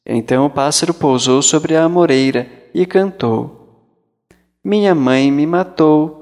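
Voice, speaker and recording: A man reading a fairy tale aloud in a slow, measured way. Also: on the high side, creaky, long reverb tail. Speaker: storyteller.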